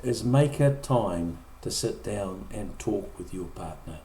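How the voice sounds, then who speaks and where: A man's voice: fairly low pitch, lively intonation, slow, dark tone, a little hiss or hum. A middle-aged man preaching a conversational sermon, often repeating or restarting words and acting out short quoted lines. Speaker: pastor. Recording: echoey room.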